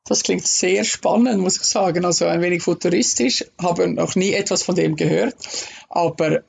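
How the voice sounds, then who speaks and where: A man, a guest in a casual interview, explaining slowly with many fillers. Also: high voice, vocal fry, a little hiss or hum.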